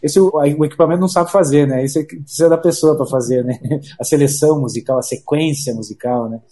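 A Brazilian man giving casual, halting explanations as an interview guest, with frequent tag questions. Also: on the high side, steady tone, dark tone. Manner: halting, frequent "né" tags and repeated words.

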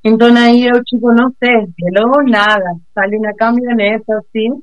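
A woman with a fairly high voice tells a personal story in a casual, expressive way, slipping into the voices of the people she quotes. The sound is muffled and lo-fi, dry with no room echo. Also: moderate pace. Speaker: guest telling of a bicycle trip.

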